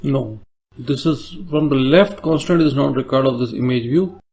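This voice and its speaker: A programming tutor with an Indian English accent walks through a screen-recorded coding tutorial step by step, checking in with tag questions. His medium-pitched voice is a little mellow with some vocal fry, and he speaks at normal speed.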